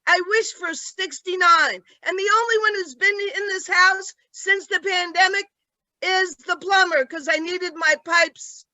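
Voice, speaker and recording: A woman's voice: extremely high pitch, fairly even intonation, measured pace, bright, forceful tone, no echo, poor audio. A woman in her seventies doing a rambling, self-mocking stand-up set over a video call. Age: 70s. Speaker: stand-up comedian.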